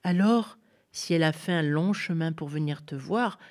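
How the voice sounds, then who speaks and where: A woman voicing an eager little village boy who calls out quickly and excitedly, in a storybook reading. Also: low voice, natural voice. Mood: curious.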